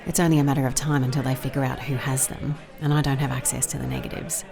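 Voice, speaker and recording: As the lead in an audio drama, a woman plays a wry, methodical private investigator delivering a first-person case log, musing drily and dictating clipped notes. Her voice is extremely low and gravelly, steady in tone, and fast. Music plays in the background.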